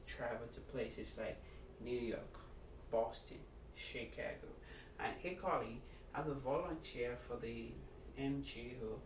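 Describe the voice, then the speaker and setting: A middle-aged man with a Nigerian accent giving a prepared self-introduction speech as a student, earnest and deliberate, speaking in short phrases. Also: medium pitch. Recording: echoey room, distant mic, background noise.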